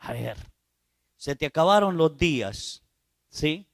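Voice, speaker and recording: Storytelling priest preaching. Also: male voice, on the high side, lively intonation, takes it slowly, no echo, studio quality. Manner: storytelling preacher who acts out voices and asks "¿sí?". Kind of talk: sermon.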